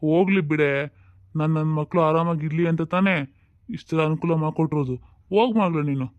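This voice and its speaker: Guy doing a soft-hearted cartoon dad, placating, high-ish voice, kinda dull lo-fi sound. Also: quick pace, no echo, close to an everyday voice. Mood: calm. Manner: soothing, placating. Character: easygoing indulgent father.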